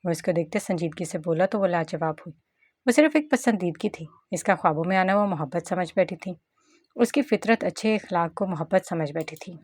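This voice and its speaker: Audiobook narrator, woman, steady storytelling, close and dry. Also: on the low side, brisk, no echo. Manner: plain storytelling, dialogue tags. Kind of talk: novel narration.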